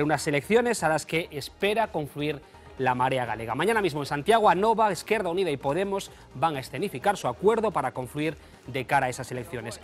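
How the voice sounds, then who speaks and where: A man reporting the news in a steady, informative scripted delivery. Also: fairly high pitch.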